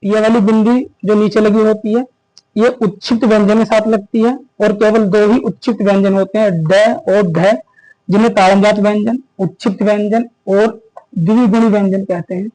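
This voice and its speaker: A male teacher giving an exam-prep grammar lesson, asking questions back to the students and slowing down to stress key terms. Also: sits high, level tone, warm tone, low-quality recording.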